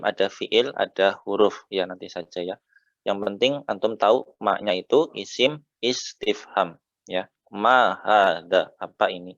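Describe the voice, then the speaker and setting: An Indonesian man teaching Arabic patiently, often saying "ya" and drawing out the vowel endings slowly. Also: on the low side, no room sound, highs cut off. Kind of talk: relaxed teaching.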